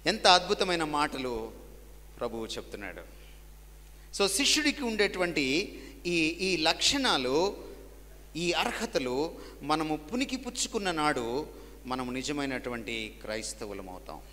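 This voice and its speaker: A man preaching a sermon, swinging between loud emphatic peaks and low quiet drops, and mixing English lines into his preaching. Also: sing-song, a little slow, long pauses. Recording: long hall reverb.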